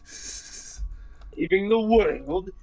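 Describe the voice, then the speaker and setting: A man puts on a brooding, menacing antihero from a video game, dripping disdain. The voice is a little high and the words are drawn out, over stream chat with faint noise. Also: lively intonation, very slow, dark tone, slightly rough, no echo, full character voice, poor audio. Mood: scornful, menacing. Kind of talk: character impression on a stream.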